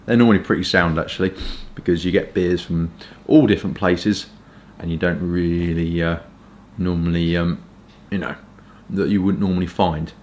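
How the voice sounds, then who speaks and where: A man from Kent with a southern English accent, chatting informally and hesitantly in a rambling casual review, with stop-start pauses. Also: low-pitched, steady tone, a little mellow, a little hiss or hum. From Kent, England. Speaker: pipe tobacco reviewer.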